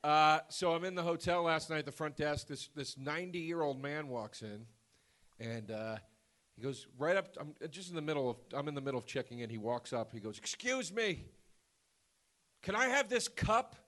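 A man's voice: fairly high pitch, fairly quick, fairly bright tone. A man hosting a live podcast in front of a theater audience, telling jokey stories and hyping the crowd. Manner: jokey, storytelling, hypes the crowd. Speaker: podcast host at live screening.

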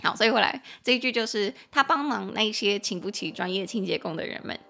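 A woman with a Taiwanese Mandarin accent hosting a casual English lesson podcast, chatty and playful, spelling out words slowly and jumping into lively acted quotes. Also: mid-range voice, creaky. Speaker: podcast host teaching English.

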